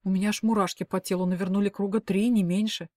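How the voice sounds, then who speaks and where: A woman's voice: mid-range voice, steady tone, quick pace, darkish tone, no echo, studio quality. A woman reading a first-person novel as an audiobook, with emotive, dramatic delivery. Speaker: audiobook narrator.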